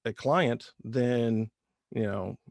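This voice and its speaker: A man's voice: mid-range voice, extremely slow, gravelly, darkish tone, no echo, clean studio sound. A man in his thirties from Indiana with a light rural Midwestern twang, chatting easygoing as a voice actor guest. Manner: easygoing, rambling with restarts. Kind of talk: casual interview.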